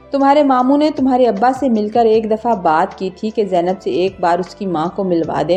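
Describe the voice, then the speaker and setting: A woman's voice: on the low side, dark tone, close to an everyday voice. A woman voicing an old grandmother in a storybook narration, speaking emotionally and pleadingly. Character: tearful old grandmother, loving.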